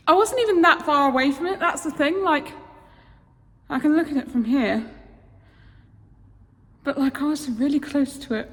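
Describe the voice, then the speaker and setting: A woman's voice: high-pitched, fairly bright tone. A young woman vlogging casually about facing her fear, chatty and self-encouraging with many ums. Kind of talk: casual personal vlog. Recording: roomy reverb with faint music behind.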